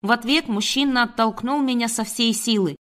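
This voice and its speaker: A woman reading a first-person audiobook in a steady, measured manner. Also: fairly high pitch. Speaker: audiobook narrator. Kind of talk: first-person scripted narration.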